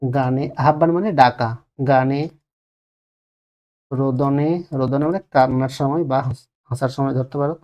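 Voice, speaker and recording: A man's voice: mid-range voice, fairly even intonation, moderate pace, long pauses, a little mellow, lo-fi sound. Male teacher, West Bengal Bengali accent, exam-prep lesson, repeats himself, asks and answers his own questions. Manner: drags out vowels to demonstrate.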